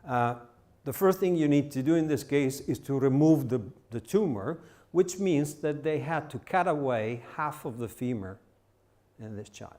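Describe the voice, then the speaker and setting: A man's voice: fairly high pitch, lively intonation, normal speed, warm tone. An older man giving a public lecture as guest speaker, with non-native phrasing and frequent restarts.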